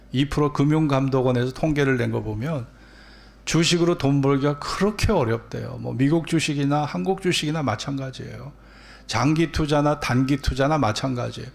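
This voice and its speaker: A male pastor giving a Sunday sermon in a church, repeating phrases and prodding his listeners with quick questions. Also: medium pitch, creaky. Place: church sanctuary.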